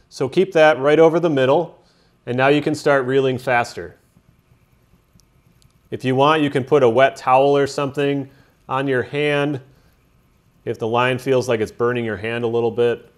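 A man calmly walking through a hands-on setup step by step, in a methodical, practical way. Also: medium pitch. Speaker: fishing instructor. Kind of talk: step-by-step how-to narration. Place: workshop at a table.

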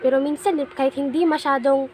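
A young woman vlogging in casual chat, with a small soft voice and frequent giggles. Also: high-pitched, steady tone, a little fast, slight background noise. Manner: giggly, laughs often.

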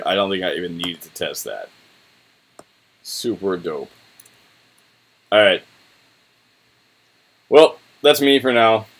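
A young man thinking aloud in a casual, laid-back and slangy way as he reviews what is on his screen. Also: lowish voice. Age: young adult. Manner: informal, rambling, laid-back slangy talk. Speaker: website reviewer. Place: small room indoors.

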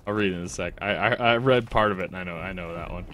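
A man giving casual, jokey commentary while streaming a game, breaking into quick exclamations. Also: sits low, a bit bright, slight background noise. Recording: game gunfire under the voice. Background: game gunfire and explosions.

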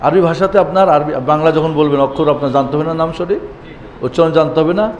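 A man's voice: fairly high pitch, fast, darkish tone, highs cut off. A man teaching a classroom lesson on Arabic letters, chanting the letter names and asking rhetorical questions in a room with a board. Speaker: Quran teacher. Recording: echoey hall with faint background noise.

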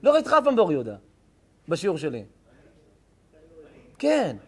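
A man's voice: sits high, huge pitch swings, a little mellow, husky. A man, a rabbi, giving a live Torah lesson to an audience, bantering affectionately with the crowd and turning heartfelt when he speaks of faith.

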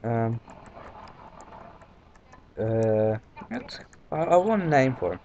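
With a warm, mid-range voice, a British man speaks expressively at a slow pace as he gives rambling, casual let's-play commentary peppered with fillers and swearing. The recording comes through a dull lo-fi mic with faint background noise.

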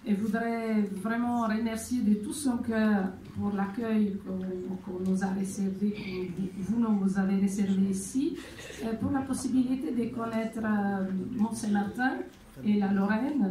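A woman's voice: medium pitch, steady tone, unhurried, warm tone, a little hiss or hum. A woman interpreting a ceremony speech, hesitant with many fillers. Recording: echoey hall, from far off.

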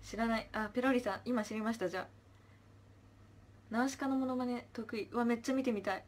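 A woman's voice: fairly high pitch, fairly even intonation, fast talker. Chirpy young woman chatting on a livestream. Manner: chirpy thanks, trailing off into soft murmurs. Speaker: idol livestreamer. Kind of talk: casual livestream chat, reading viewer comments.

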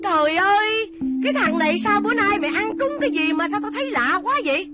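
A woman's voice: extremely high pitch, lively intonation, quick pace. An actress playing a stern, devoted old widowed mother in a Vietnamese reformed opera, scolding and lamenting in a half-sung delivery with a southern Vietnamese accent. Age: older. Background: loud stage music.

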